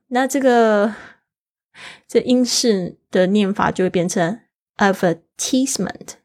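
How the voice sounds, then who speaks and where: Woman teaching English pronunciation, patient. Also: on the low side. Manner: explains patiently, spells words letter by letter. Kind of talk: casual language lesson.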